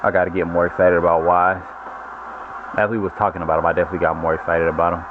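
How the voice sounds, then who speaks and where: Casual gamer host, low-pitched man, rambling self-correcting delivery, tinny narrow-band audio. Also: little pitch movement, very fast. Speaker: gaming channel host. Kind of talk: casual gameplay commentary. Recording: lo-fi phone-like audio with noise.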